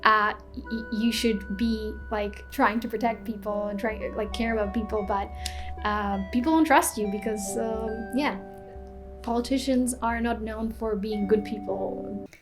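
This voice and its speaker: A woman's voice: fairly high pitch, fairly even intonation, a little slow. A young woman from Slovakia ranting frankly in a casual video, with many fillers and restarts. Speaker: vlogger. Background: music.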